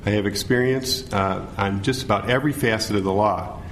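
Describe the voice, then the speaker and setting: American guy in middle age, kinda low voice, halting formal forum answers, slight noise behind. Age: middle-aged. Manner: halting, hesitant, stumbling over words. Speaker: judicial candidate, city attorney. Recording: faint background noise.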